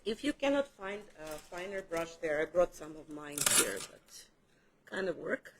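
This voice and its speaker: Demonstrating a painting for a group in an art studio, a female instructor keeps the live lesson casual, chatty, and slightly self-deprecating. She speaks in a fairly low, animated voice at a moderate pace, against a noisy background.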